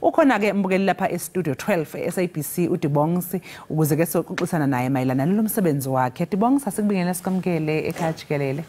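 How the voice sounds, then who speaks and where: Woman, studio presenter, fast pace, modestly low pitch. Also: dark tone, slight background noise. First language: Zulu. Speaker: television morning show host. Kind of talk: broadcast presenting and interview. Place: television studio.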